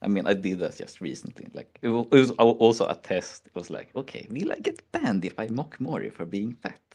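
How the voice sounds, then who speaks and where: On a stream, a Swedish man with a Swedish accent talks casually in a lowish, sing-song voice that's a little fast, a little mellow and breathy at the edges. His chat is rambling and mocking, peppered with "like" and "you know."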